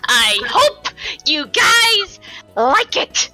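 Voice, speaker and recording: A woman giving a casual commentary about her work, giggly and slow-spoken, on a home mic over a voice call. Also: extremely high pitch, big pitch swings, sharp tone, soft background music, rough recording. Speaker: voice actor and singer on a production team.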